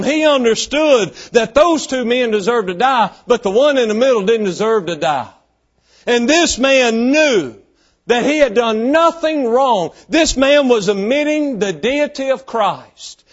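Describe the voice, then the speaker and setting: A man preaches a sermon in a strikingly high voice, hammering his points with repeated phrases. The recording is dull and lo-fi, with the highs rolled off. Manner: emphatic, repetitive preaching cadence.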